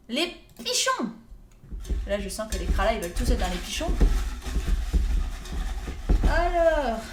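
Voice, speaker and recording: A woman hosting a live tournament pool draw, playful and joking with viewers. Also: high-pitched. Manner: playful, laughs often, jokes with viewers. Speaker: host drawing tournament pools. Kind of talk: casual live-stream commentary. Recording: echoey room with faint noise.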